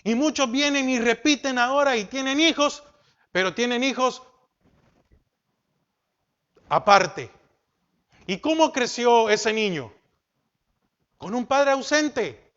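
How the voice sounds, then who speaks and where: A man preaching a sermon as pastor, asking the congregation questions and dropping from loud emphasis to soft. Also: very high-pitched, expressive, slow, pauses often, muffled recording.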